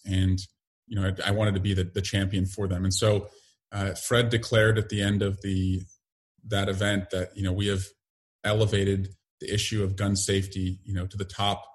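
A middle-aged man giving interview answers in a halting way, full of fillers and restarts. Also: on the low side. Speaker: interview guest, congressman.

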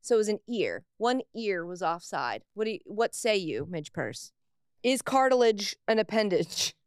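Woman cohosting a podcast, smooth clear voice, dry close sound, wry jokey delivery. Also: medium pitch, sing-song, no echo. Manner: quick, wry, joking. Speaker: podcast co-host. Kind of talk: casual chat.

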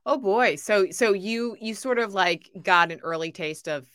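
Giggly woman cohost, bright voice, dry close mic, super playful. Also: mid-range voice, expressive, measured pace, clean tone, no echo. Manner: bubbly, giggly, playful impressions. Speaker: podcast co-host. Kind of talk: casual podcast chat.

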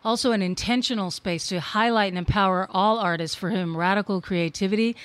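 A woman's voice: medium pitch, a little fast, dry recording. Polished woman host, dry studio sound. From Florida. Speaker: podcast host. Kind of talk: scripted podcast intro.

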